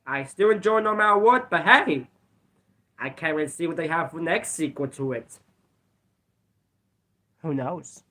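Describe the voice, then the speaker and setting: A man's voice: on the high side, a little slow, long pauses, sharp tone. A man casually reviewing cartoon episodes in a rambling, repetitive way, with bouts of coughing. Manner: rambling, repeats "let's be honest". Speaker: video reviewer.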